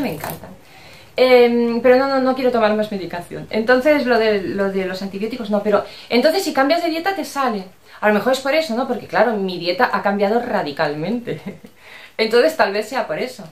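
A woman's voice: on the high side, expressive, a little fast. A chatty, affectionate middle-aged woman from Spain, casually answering her viewers, with a Spanish accent that slips into Andalusian at times. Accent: Spanish from Spain, with Andalusian touches. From Barcelona, Spain. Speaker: vlogger answering viewer comments. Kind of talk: casual chat. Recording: roomy echo.

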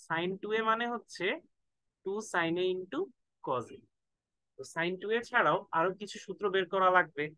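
Guy explaining trig formulas slow, drags words while writing, dry close mic. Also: high-pitched, sharp tone, no echo, poor audio. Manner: thinks aloud, drawn-out words while writing. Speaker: math tutor. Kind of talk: casual lesson, mixing in English.

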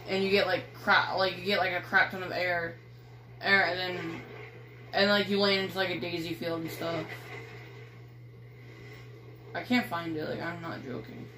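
A teenage girl casually commentating a driving game she films with her phone in a dark room at home, rambling and teasing with casual swearing. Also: lowish voice, steady tone, moderate pace. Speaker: gaming video creator. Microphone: phone filming a screen. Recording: echoey room with faint noise.

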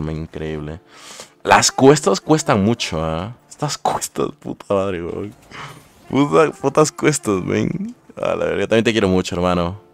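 A young man from Ecuador with an Ecuadorian Spanish accent, casually chatting through live gameplay commentary and answering his chat in slangy talk. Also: fairly low pitch. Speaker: gaming streamer.

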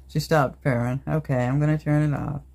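A woman's voice: low-pitched, fairly even intonation, normal speed, dark tone. An older woman from Canada talking casually into her phone while filming, chatting to her cat and her viewers. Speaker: vlogger. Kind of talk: casual everyday vlog. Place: home indoors, then outdoors in snow and in a vehicle. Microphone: handheld phone.

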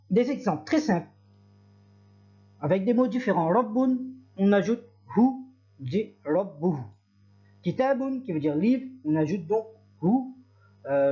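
High, lively male Arabic teacher. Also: normal speed, breathy edge, lo-fi sound. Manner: patient, repeats and self-corrects, spells out each example. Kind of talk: recorded language lesson.

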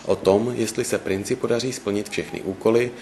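A man's voice: on the low side, fairly even intonation, creaky, a little mellow, a little hiss or hum. A man reading scripted narration as a local news reporter.

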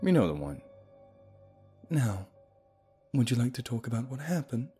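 Guy reading as a chill lady therapist, soft and even, voice rises and falls a lot. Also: medium pitch, normal speed, faint music behind, close to an everyday voice. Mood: calm. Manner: calm, soothing. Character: calm female therapist, soft and measured.

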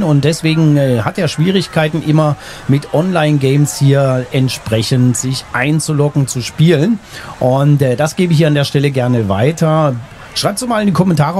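Warm in tone and pitched on the high side, this gaming video host muses aloud while playing through a relaxed let's play. Slight background noise and faint game sounds can be heard underneath.

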